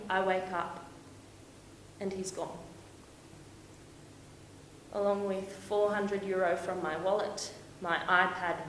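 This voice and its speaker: A woman performs a theatrical stage monologue as a dreamy, lovestruck, heartbroken and homesick young Australian backpacker, telling her story to an audience. Her bright, medium-pitched voice is confiding and expressive, with dramatic pauses, and here she sounds hurt and deflated. The room is echoey, with faint noise.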